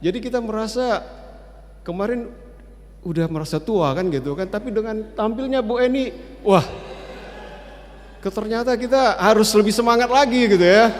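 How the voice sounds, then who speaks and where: A man's voice: high-pitched, normal speed, pauses often. Older man giving announcements in an echoing hall. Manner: relaxed, chatty, many hesitant fillers. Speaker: church service announcer. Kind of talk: church announcements. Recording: long reverb of a church hall.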